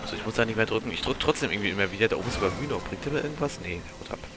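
A man's voice: fairly low pitch, lively intonation, rapid-fire, noisy background. A man giving casual gameplay commentary, muttering to himself and grumbling mildly as he plays. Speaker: let's player.

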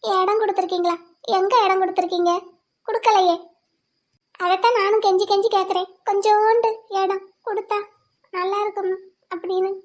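A woman's voice: very high-pitched, fairly even intonation, brisk, pauses often. A woman voicing a sweet, clingy young wife in a cartoon, pleading and childlike. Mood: coaxing. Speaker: cartoon voice actor. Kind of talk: cartoon voice acting.

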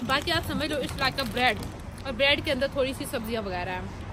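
A woman's voice: high-pitched, lively intonation, normal speed. A young woman from Pakistan, chatty and upbeat, narrating a casual vlog to a phone held at arm's length on a city street at night. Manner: chatty, upbeat, talks straight to camera. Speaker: vlogger. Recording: loud street noise.

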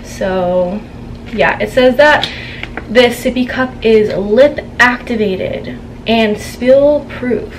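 Young woman vlogger, chatty and giggly haul talk, higher voice, background noise, home room, camera mic. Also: takes it slowly, low-quality recording. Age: young adult. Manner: chatty, giggly, gossipy storytelling. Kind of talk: casual haul chat. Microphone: camera on a tripod, seated.

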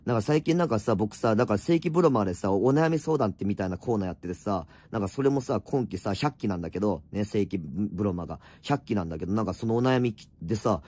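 A middle-aged man with a slightly hoarse voice, chatting casually on a late-night livestream from home, reading viewer comments and answering them bluntly with teasing, rough asides. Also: lowish voice, lively intonation, quick pace, hardly any pauses, darkish tone. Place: at home, wrapped in an electric blanket.

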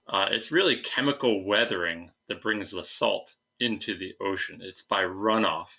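Deep and sharp-toned, a young man's voice delivers an informal science lecture from slides, recorded indoors at a computer. As a teacher he explains with hesitant wording and occasional asides.

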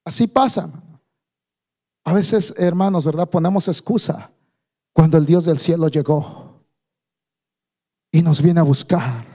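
Male pastor, high voice, language sermon, swells to loud fervent peaks. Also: measured pace, long pauses. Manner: preaching with rising shouted climaxes, addressing listeners as brother.

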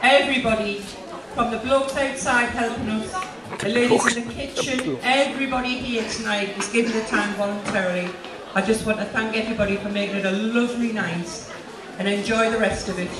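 A woman's voice: a little high, steady tone, fairly quick. A woman narrating and announcing an amateur pantomime live from the stage of a village hall. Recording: very echoey hall, distant, loud audience noise.

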